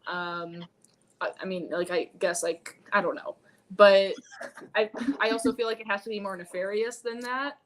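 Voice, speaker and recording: A woman guest-hosting a book discussion live stream keeps things casual and exclamatory, often working through her thoughts as she talks. Her mid-range voice has fairly even intonation at normal speed, and the room ambience is clearly noisy.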